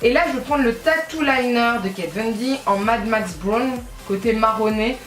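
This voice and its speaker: A woman's voice: on the high side, normal speed, recorded from a distance. A woman chatting casually through a makeup tutorial, rambling and correcting herself often, with many fillers. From France. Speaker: beauty vlogger. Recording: echoey room, voice a bit off-mic, faint music.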